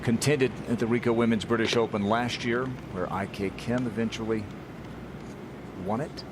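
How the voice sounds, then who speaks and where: Male golf play-by-play announcer, lowish voice, clear outdoor background noise. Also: steady tone, moderate pace. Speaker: golf commentator. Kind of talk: television golf commentary. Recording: loud outdoor course noise.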